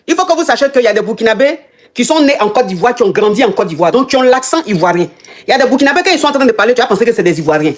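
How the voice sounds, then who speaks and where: A woman hosting a live call-in coaching show, animated and quick to interrupt. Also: a little high. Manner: animated, interrupting, repeats herself. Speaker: live-stream relationship coach.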